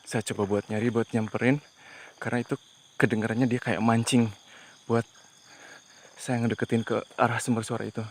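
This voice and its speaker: A man hosting a ghost-hunting vlog outdoors at night, talking to viewers in a tense, hushed way as he explores. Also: medium pitch, little pitch movement, brisk, long pauses. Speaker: paranormal investigator host.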